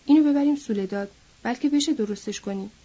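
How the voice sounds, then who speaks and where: A woman voicing a calm, respected adult ranch man in a read-aloud story, firm and measured. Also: on the high side, husky, muffled recording.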